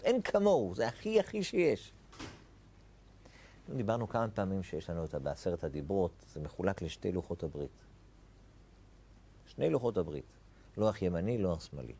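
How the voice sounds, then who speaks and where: A man's voice: mid-range voice, dark tone. A man teaching a Torah lesson as a rabbi, speaking animatedly with rhetorical questions and little acted-out dialogues. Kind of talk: Torah lecture.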